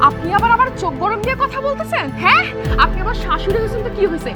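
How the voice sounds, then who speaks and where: Casting: actress as shrill, rapid-fire, scornful young wife, music underneath. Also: female voice, expressive. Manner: scornful, bossy. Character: cruel, arrogant young wife, spiteful. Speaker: daughter-in-law. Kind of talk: TV drama acting.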